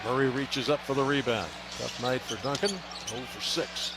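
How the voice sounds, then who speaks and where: This American radio announcer covers a basketball game live in short, clipped phrases, speaking mid-range at normal speed. The recording carries loud arena noise and the sound of a bouncing basketball.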